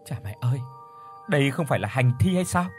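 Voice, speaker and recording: A man's voice: mid-range voice, expressive, a little fast, faint music behind. A man narrating a horror story in a dramatic storytelling manner.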